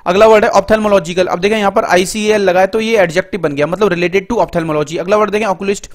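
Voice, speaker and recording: A middle-aged man teaching English vocabulary through word roots in a Hindi lecture, explaining step by step and reading English definitions out slowly. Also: high-pitched, steady tone. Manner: explains word roots step by step, often says "ठीक है" and "दोस्तों".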